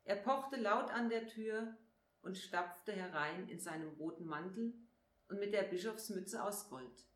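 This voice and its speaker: A woman reading a children's story aloud in a calm, clear storybook manner. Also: mid-range voice, measured pace. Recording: echoey room.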